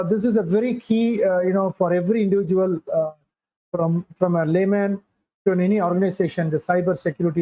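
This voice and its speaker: A man's voice: sits high, mellow, low-quality recording. An older man with a Tamil Indian accent gives an informal talk as a guest speaker, in hesitant, repetitive phrasing. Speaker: guest speaker, IT security consultant.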